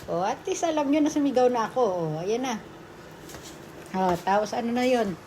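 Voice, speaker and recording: A middle-aged woman with a Filipino accent, narrating her family vlog in a chatty, laughing voice-over recorded at night in a quiet room. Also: fairly high pitch, animated, normal speed, slight background noise. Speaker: vlogger.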